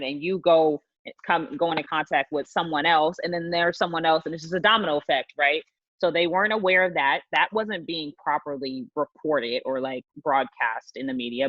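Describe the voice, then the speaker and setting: A woman's voice: low voice, no room sound, muffled recording. A woman co-hosting a casual podcast chat, explaining things at length and often checking in with "right?". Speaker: podcast co-host.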